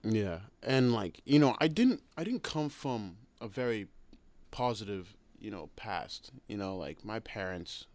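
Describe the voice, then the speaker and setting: Guesting on a podcast, this young man from the United States has a lowish, slightly mellow voice with big pitch swings and a measured pace. He keeps things relaxed and conversational, constantly saying "like" and "you know."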